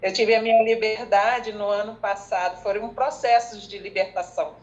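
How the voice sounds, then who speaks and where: A woman in an online group chat, speaking earnestly and in a measured way as she asks for guidance and quotes scripture. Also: medium pitch, fairly even intonation, dull audio, faint music behind. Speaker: participant asking a question. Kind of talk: casual online group talk.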